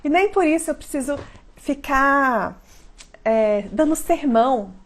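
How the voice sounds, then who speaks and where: A Brazilian woman, a mother and parenting educator, talking earnestly and emphatically to viewers on a live stream and often checking in with a quick question. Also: high voice, expressive. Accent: Brazilian Portuguese.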